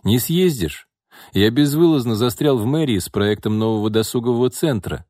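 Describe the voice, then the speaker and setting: A man's voice: mid-range voice, lively intonation, moderate pace, mellow, no echo, studio quality, pitched above the performer's own voice, lightly acted. A man reading an audiobook voices a busy male business partner who calls about a problem. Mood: urgent.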